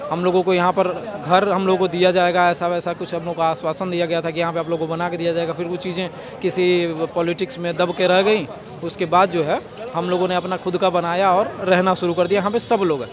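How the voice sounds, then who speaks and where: High-voiced man over loud crowd. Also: little pitch movement, quick pace. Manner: articulate, explaining at length, occasional self-corrections. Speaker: local resident interviewed. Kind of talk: street interview. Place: outdoors in a crowd. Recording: loud crowd noise outdoors. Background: crowd chatter.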